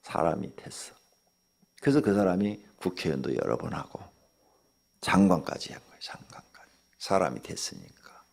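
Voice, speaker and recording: An older man preaching a dawn sermon as pastor, blunt and scolding, acting out dialogue with sudden jumps in pitch. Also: lively intonation, moderate pace, gravelly, a little mellow.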